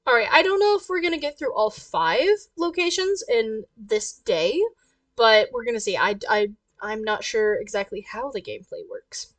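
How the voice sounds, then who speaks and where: A woman streaming a game, reading its text aloud and reacting in an animated way with frequent laughs. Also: fairly high pitch, dry recording, distant mic, low-quality recording.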